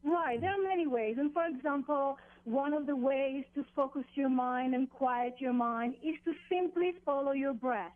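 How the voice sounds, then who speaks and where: Lady phoning in to an interview, high voice, thin phone sound, teaches slowly and carefully with pauses. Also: no echo. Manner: deliberate, instructive, with pauses and repeated phrases. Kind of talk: explanatory radio interview, spiritual instruction. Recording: dull, narrow telephone line.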